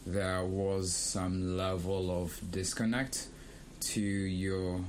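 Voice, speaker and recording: A young man who grew up in Kenya leads a casual discussion in a fairly low voice. He speaks in a thoughtful, measured way and pauses to find his words. Faint background noise runs under the recording. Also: flat delivery. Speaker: podcast co-host.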